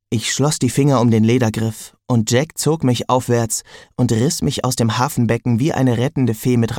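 A man's voice: medium pitch, darkish tone, no room sound. Dry-sounding male audiobook narrator. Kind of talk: first-person audiobook narration.

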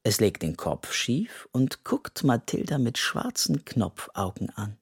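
Gentle, animated narrator for a children's audiobook. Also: medium pitch, measured pace, breathy edge. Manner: gentle, lively reading. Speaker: storyteller.

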